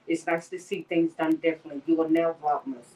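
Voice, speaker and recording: A woman's voice: low voice, level tone, fairly quick, darkish tone. A middle-aged woman co-hosting a casual live stream, chatty and repeating herself as she greets viewers by name. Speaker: live-stream co-host, mother. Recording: voice a bit distant from the mic.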